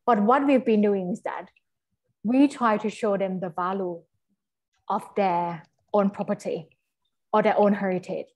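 Poor audio carries this Thai guest speaker's medium, darkish voice as she talks through a wired earphone mic on a video call from a small room. The woman, in her thirties, explains conversationally, pausing to find words and filling gaps with "like" and "you know."

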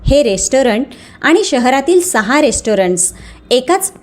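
A woman's voice: high voice, a little slow. Polite, composed male manager in a storybook, read by a woman. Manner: calm, polite. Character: calm, respectful male restaurant manager.

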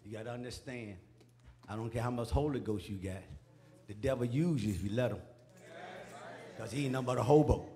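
A man's voice: medium pitch, fairly quick, pauses often. Man exhorting a church congregation. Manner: call-and-response, folksy, rising to a shout. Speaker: preacher. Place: church sanctuary.

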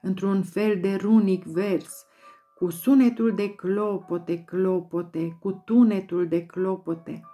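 A woman's voice: medium pitch, fairly even intonation. A woman giving a dramatic, rhythmic poetry recitation, chanting repeated words in an incantatory way. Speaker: volunteer poetry reader. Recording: soft music bed behind voice.

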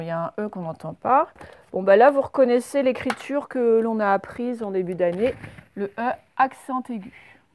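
A middle-aged woman, a primary school teacher giving a slow, patient spelling lesson with many fillers. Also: a little high, a little mellow, slight background noise. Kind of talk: recorded spelling lesson for young pupils.

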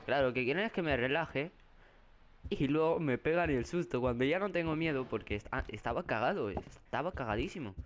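A man's voice: medium pitch, lively intonation, brisk. Young spanish guy playing a horror game, scared and swearing, bit of hiss in the background. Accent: Spanish from Spain. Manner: jumpy and scared, swearing, shouting in fright. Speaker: gaming YouTuber. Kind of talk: horror game let's play commentary. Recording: faint background noise.

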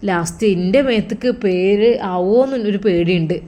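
A woman's voice: mid-range voice, normal speed, mellow, close to an everyday voice. A scheming young daughter-in-law, voiced by a woman storyteller mutters her worries and plans to herself. She has a Malappuram Malayalam accent. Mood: anxious.

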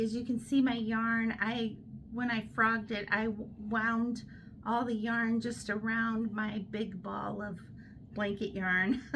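Slow-talking woman vlogging from a hospital bed. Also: on the high side, a bit bright, a little hiss or hum, poor audio. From United States. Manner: chatty, unhurried, laughs at herself. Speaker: crochet vlogger. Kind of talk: casual show-and-tell chat. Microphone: fixed camera in front.

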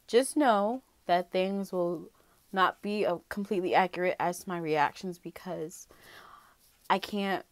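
A woman vlogger chats loosely to her viewers, rambling, restarting her sentences and filling the gaps with ums. Her voice sits a little low and sounds close and dry, with no room around it. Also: dry recording. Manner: rambling, many fillers and restarts. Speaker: YouTuber reacting to a video. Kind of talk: casual reaction vlog chat.

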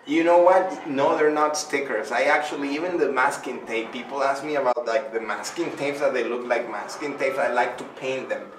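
A man's voice: mid-range voice, moderate pace, hardly any pauses, recorded from a distance. Middle-aged man, chatty and effusive, recorded from afar in an echoey, noisy room. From Venezuela. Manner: effusive, chatty, many fillers. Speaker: artist interviewed by a child. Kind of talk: casual interview. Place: small indoor room.

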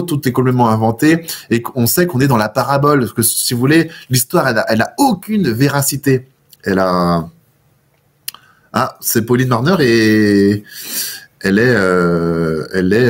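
Man, teacher, online literature lesson, hesitant explaining, husky breathy voice, mid pitch. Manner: explaining with hesitations and rhetorical questions. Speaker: high school French teacher.

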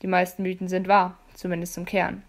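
A condescending teenage boy demon hunter, put on by a woman narrator in a storybook reading. He sounds lower and punchier than her normal voice, smug and curt. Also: completely flat delivery, fairly quick, creaky. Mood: dry.

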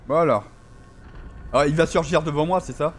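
A man's voice: a little high, normal speed, slight background noise. A man streaming a horror game, commenting live, swearing often and talking back to the enemy on screen. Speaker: gaming streamer.

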